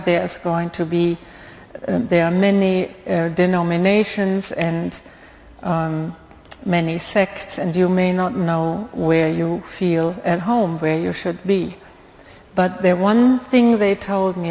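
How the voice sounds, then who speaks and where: An older woman from Germany with a German accent, giving an earnest church testimony with many fillers and pauses. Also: on the low side, vocal fry, a little mellow. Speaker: guest speaker giving testimony. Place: church sanctuary. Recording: long hall reverb.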